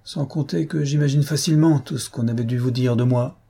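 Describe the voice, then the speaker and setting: A man voicing a gentle, affectionate elderly countess in a read-aloud novel. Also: mid-range voice, fairly even intonation, a little fast, gravelly, breathy edge, pitched above the performer's own voice. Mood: kindly.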